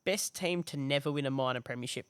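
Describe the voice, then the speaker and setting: A man's voice: medium pitch, quick pace, fairly bright tone, smooth, dry recording, studio quality. A young man co-hosting a podcast, easygoing as he reads out listener questions. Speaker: podcast co-host reading mailbag. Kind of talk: casual sports chat.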